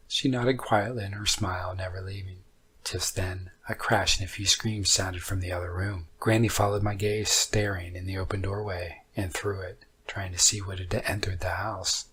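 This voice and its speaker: A man narrating a first-person scary story in a low, hushed, haunting voice that is husky and breathy, often slipping toward a whisper. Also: a little hiss or hum.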